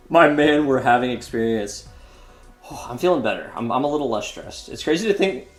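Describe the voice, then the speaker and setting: While playing cards on a live stream, a twenty-something man tosses out loose, jokey chat to his audience. He speaks at a moderate pace in an animated, mid-range voice; the room echoes and soft music plays behind him.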